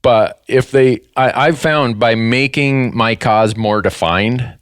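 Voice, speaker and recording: A man in his fifties from northern Minnesota, with the accent to match, hosts a podcast in casual conversation. His medium-pitched voice is slow and smooth, and he tells stories earnestly, often restarting his sentences. The recording is dry and studio-clean.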